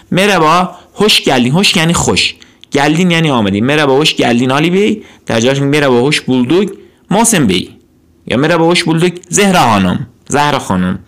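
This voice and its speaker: Lively-voiced man teaching a language lesson. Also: a little high. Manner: patient, repeats words slowly and gives the Persian meaning.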